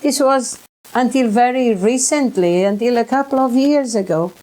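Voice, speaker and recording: A woman, telling her own experiences in a halting way, often repeating and restarting words. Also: fairly high pitch, mellow. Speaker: researcher sharing experiences. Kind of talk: personal recollection monologue.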